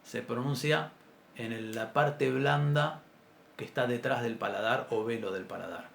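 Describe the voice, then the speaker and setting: A man teaching an introductory Biblical Hebrew class, explaining patiently and clearing his throat often. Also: medium pitch, a little slow. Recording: roomy echo, faint background noise.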